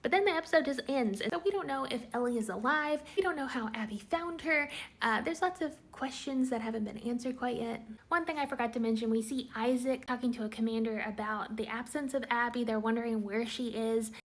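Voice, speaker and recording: A woman recapping a TV episode in a casual, chatty way, full of "like" fillers and quick quoted lines. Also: on the high side. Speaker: TV recap vlogger.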